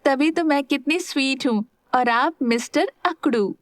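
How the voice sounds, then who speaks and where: Woman voicing a teasing, sharp-tongued young wife. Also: high-pitched, measured pace, no echo, studio quality, voice pushed up. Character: young woman, playful teasing sister turned cold wife.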